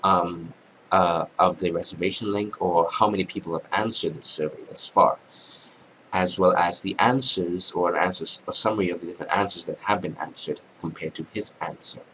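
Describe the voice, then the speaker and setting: Man, deep voice, hoarse and congested, software tutorial voice-over, halting with ums, faint background hum. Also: steady tone, rough recording. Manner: casual, halting, many ums. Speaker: tutorial narrator. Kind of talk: screen-recorded software tutorial.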